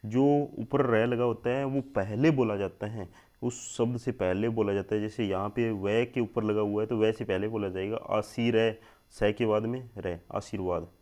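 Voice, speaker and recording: A man's voice: on the low side, fairly even intonation, moderate pace, darkish tone. A young man teaching a spelling lesson for an exam, going through words one by one, repeating each word and often checking in with his listeners. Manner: explains word by word, repeats each word several times, often says "thik hai doston". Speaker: Hindi grammar teacher.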